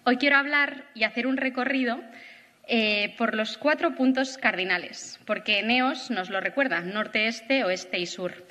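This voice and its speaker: A woman's voice: fairly high pitch, a little slow, bright, forceful tone. Woman lecturing in a reverberant auditorium. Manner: earnest, reflective, with filler "eh" and "¿no?". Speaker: conference speaker. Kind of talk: prepared lecture. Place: large auditorium.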